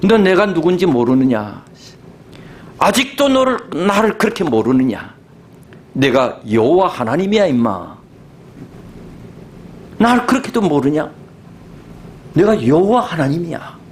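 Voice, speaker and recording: A pastor voicing God, bold and commanding. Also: male voice, a little high, very animated, measured pace, pauses often, slight background noise. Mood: stern. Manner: bold, emphatic, reassuring. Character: God speaking to a discouraged prophet, commanding.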